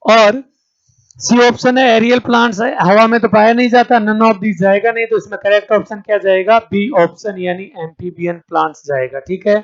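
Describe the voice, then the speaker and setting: High-voiced male teacher drilling exam questions. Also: fairly even intonation, normal speed, muffled recording. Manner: repeats questions to the class and answers them; calls students 'beta', checks understanding with 'theek hai'. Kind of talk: exam-prep lecture.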